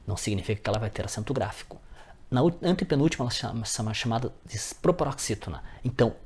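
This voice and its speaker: A man's voice: mid-range voice, lively intonation, fast, darkish tone, husky. A man teaching a grammar lesson, often checking in with his viewers as friends.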